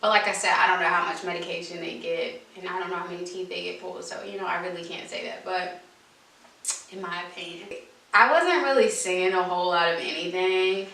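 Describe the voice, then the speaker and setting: Female vlogger, casual and emphatic storyteller, clear bright edge to the voice, recorded at a distance from the mic. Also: lowish voice, brisk, a little hiss or hum. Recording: roomy echo, distant microphone.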